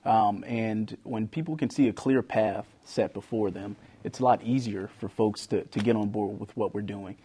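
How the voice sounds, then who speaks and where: A man's voice: fairly low pitch, moderate pace, few pauses, mellow, slight background noise. A man giving an informal, hesitant statement as a candidate in a political debate. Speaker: congressional candidate.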